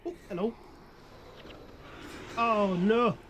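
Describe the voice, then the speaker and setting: Brief: man, high voice, tired and yawning, self-mocking chat over a game. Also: extremely slow, a bit bright, slight background noise. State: sleepy, yawning. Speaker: gaming video creator. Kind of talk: casual gameplay commentary.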